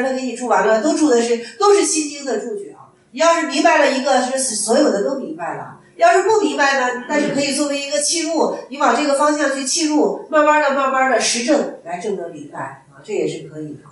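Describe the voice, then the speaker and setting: A woman's voice: sits high, lively intonation, fast talker, few pauses, slight background noise. A woman giving a Chan Buddhist dharma talk in a folksy storytelling way, repeating her phrases and acting out the masters she quotes. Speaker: Buddhist teacher. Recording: very echoey room, distant mic, faint ambience.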